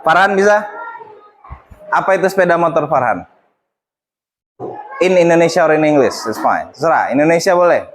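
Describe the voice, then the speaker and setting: A man's voice: on the high side, lively intonation, moderate pace, long pauses. A male English teacher instructing a classroom, mixing English phrases into his talk and prompting students.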